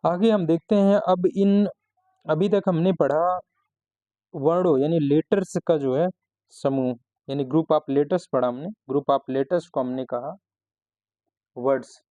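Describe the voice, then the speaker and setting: A man teaching a grammar lesson in a slow, methodical way, restarting his phrases as he explains. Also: fairly high pitch, warm tone, no echo. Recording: slightly dull, lo-fi recording.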